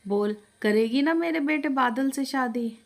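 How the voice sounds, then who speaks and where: A woman's voice: sits high, a little slow, vocal fry, voice pushed up. A woman doing a comforting motherly aunt. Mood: soothing. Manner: soothing, reassuring.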